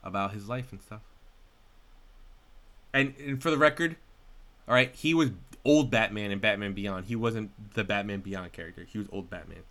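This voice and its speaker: A man co-hosting a podcast in casual chat, excitable and rambling, swearing often. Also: fairly low pitch, moderate pace, pauses often. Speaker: podcast co-host.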